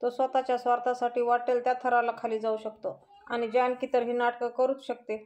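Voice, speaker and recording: A woman reading the lines of a scornful, sharp-tongued young woman, sneering. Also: fairly high pitch, little pitch movement, fairly quick, muffled recording, close to an everyday voice.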